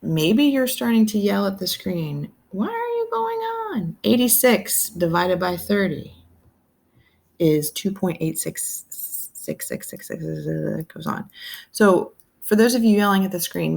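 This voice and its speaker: A woman's voice: mid-range voice, creaky, darkish tone. A woman teaching a recorded math lesson, thinking aloud step by step and checking in with viewers.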